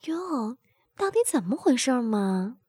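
A woman voicing an eager young woman who exclaims loudly in an adult audio story. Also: a little high, big pitch swings, takes it slowly, slightly rough, no room sound, studio quality, full character voice. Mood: delighted.

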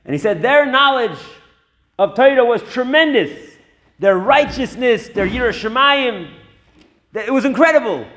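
A man teaching through a story, animated, with chatty asides and frequent repeated words. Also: very high voice, normal speed. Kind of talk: storytelling lesson.

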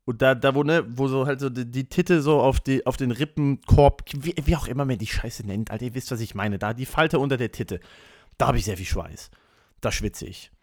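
A man's voice: mid-range voice, fairly quick, no echo. Hyper, rambling man in a dry room. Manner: rambling, crude, wired and hyper. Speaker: podcast host. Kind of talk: casual comedic monologue. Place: small room at home.

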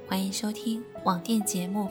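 A woman radio host reading an intimate story aloud in a slow, soft, close manner. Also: mid-range voice, steady tone, over music. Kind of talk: scripted erotic story narration.

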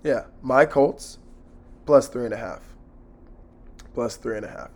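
Alone on his casual sports betting podcast, a hoarse man talks bluntly, with plenty of slang and swearing. His voice is medium in pitch, unhurried, and a little mellow.

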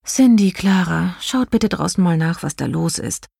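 A woman voicing a curious, kind young fairy princess in a children's story, in a lively, slightly raised voice. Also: fairly low pitch, normal speed, breathy edge, no echo, studio quality, voice pushed up. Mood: gentle. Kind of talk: audiobook character voice.

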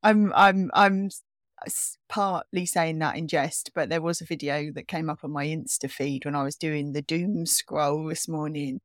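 A woman co-hosting a podcast in casual, self-mocking chat, with a croaky morning voice. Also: low-pitched, fairly even intonation, no room sound, studio quality. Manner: chatty, self-mocking, quick restarts. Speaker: podcast co-host.

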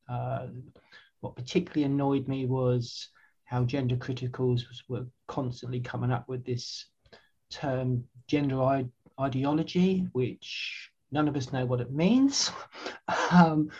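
Guesting on an interview, an older woman who founded a website responds earnestly, with frequent restarts and repeated words. The recording is muffled, and her voice is a dark-toned bass.

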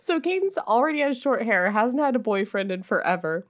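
A woman's voice: on the high side, big pitch swings, a little fast. Giggly woman chatting about a book. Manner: laughs often and acts out characters' lines. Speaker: podcast co-host. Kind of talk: casual book discussion.

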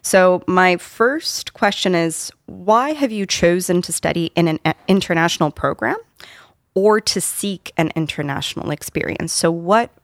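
A woman's voice: lowish voice, a little slow, no echo, studio quality. A woman in her twenties moderating a student podcast, friendly and conversational with some filler words. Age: 20s.

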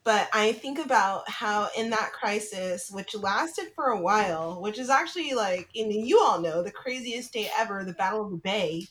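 A woman's voice: medium pitch, animated, moderate pace, hardly any pauses, a bit bright, poor audio. Rambling woman from the Bay Area. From San Francisco Bay Area. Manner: rambling, lots of fillers, reflective. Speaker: podcast co-host. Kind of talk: casual panel chat.

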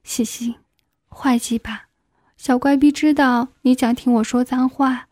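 Lady reading as a shy married teacher, breathy, half whispering, highish voice, dry close mic. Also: little pitch movement, moderate pace, darkish tone, dry recording, close to an everyday voice. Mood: breathy aroused. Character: married female schoolteacher, adult, shy but aroused.

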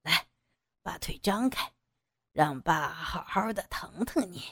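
A woman putting on a low leering older man. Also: expressive, slow pace, sharp tone, dry recording, studio quality, heavily acted. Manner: low, breathy leering murmur.

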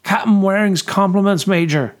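A man's voice: sits high, normal speed, pitched above the performer's own voice, natural voice. A man voicing a wounded, gasping young soldier. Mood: urgent, pained. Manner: urgent, strained reporting. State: out of breath, in pain. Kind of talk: audiobook character voice.

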